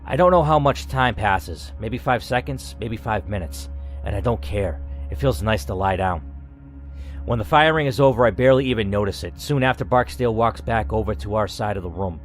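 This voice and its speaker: In a voice on the low side, the let's player and game narrator reads an interactive story at a moderate pace. His telling is dramatic, dotted with casual asides, and music plays under him.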